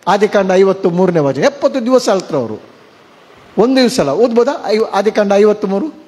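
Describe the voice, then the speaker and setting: A man preaches a sermon, his voice sitting high for a man. He drops English words into his talk and keeps putting questions to the listeners. A long reverb trails his words. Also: sing-song, moderate pace, darkish tone. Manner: mixes English words, asks the congregation questions. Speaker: pastor.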